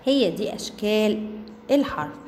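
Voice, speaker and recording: A woman with an Egyptian Arabic accent teaching young children to read, stretching syllables out slowly and answering her own questions. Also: medium pitch, lively intonation, darkish tone, faint music behind. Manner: slow drawn-out syllables, asks and answers herself. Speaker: primary school Arabic teacher. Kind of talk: children's reading lesson. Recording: echoey room with faint background noise.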